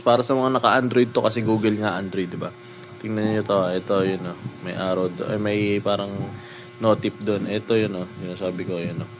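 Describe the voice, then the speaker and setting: A man chatting casually to his viewers while showing a phone screen, excitable and talkative. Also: fairly low pitch, brisk, music in the background, low-quality recording. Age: adult with a child. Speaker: phone reviewer vlogger.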